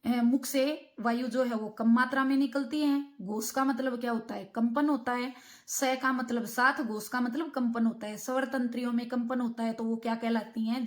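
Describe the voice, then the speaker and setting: Female grammar teacher, higher voice, asks and answers her own quiz questions. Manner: asks rhetorical questions and answers them herself; explains terms word by word, slowing on key parts. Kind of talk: exam-prep grammar lesson.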